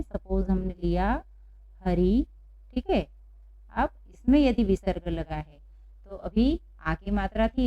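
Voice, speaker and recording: A woman teaching pronunciation in a classroom-style lesson, asking questions and slowly repeating each answer. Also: medium pitch, lo-fi sound. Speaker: Sanskrit teacher.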